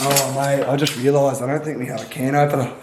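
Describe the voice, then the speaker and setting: A man's voice: mid-range voice, flat delivery, fast, very noisy. An Australian man running a mock cooking show in his home kitchen, cocky and lecturing the viewer, with lots of swearing. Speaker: home cook vlogger. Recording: echoey kitchen.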